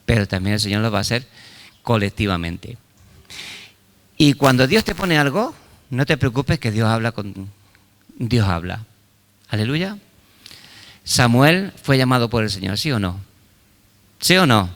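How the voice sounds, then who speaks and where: An older man preaches a sermon with fervor. He throws call-and-response questions at his listeners and punctuates his points with quick exclamations of praise. His voice sits at a middling pitch and rings with the long reverb of a large hall. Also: sing-song, fairly bright tone. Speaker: pastor.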